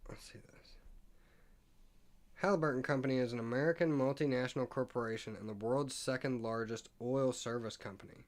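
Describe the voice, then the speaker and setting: A man's voice: mid-range voice, steady tone, fast talker, hardly any pauses, a little hiss or hum. A man hosting a casual stock market live stream, thinking aloud as he reads prices and figures off the screen. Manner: reads text aloud with stumbles and asides. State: hiccuping.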